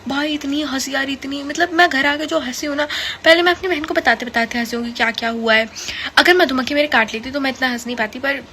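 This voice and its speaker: A woman's voice: high-pitched, fast talker, sharp tone, slight background noise. A teenage girl from India, a student vlogger chatting casually and laughing often as she mixes English into Hindi, recorded in her bedroom. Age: teens. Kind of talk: casual storytelling vlog. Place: bedroom, on bed.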